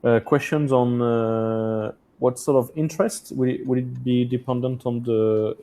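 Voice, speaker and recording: French-accented man with a dark, gravelly voice. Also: medium pitch, fairly even intonation. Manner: halting, with many restarts and "uh". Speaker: host of an investor community webinar. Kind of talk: hosting a webinar Q&A. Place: hotel room.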